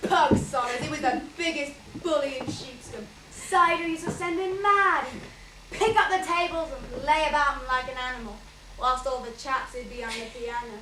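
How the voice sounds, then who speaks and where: A woman's voice: high-pitched, normal speed, natural voice. An actress playing a fond mother who tells wistful stories of her past in a stage play. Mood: proud. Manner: wistful, storytelling, quotes others fondly. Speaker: stage actor. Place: theatre stage. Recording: echoey stage miked from far off, light hiss.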